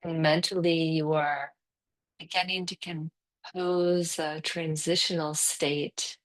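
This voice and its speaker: Speaking very slowly in a slightly low voice, this woman leads guided relaxation as a yoga nidra instructor. Her soothing, calm instructions come in short bursts with lengthy silences between them.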